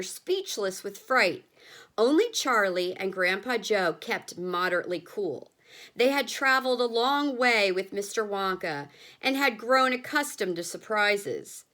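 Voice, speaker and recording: A woman teacher explaining similes and reading a children's story aloud, gentle and patient. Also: a little high. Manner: gentle, explanatory, slow with pauses. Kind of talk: read-aloud lesson for children.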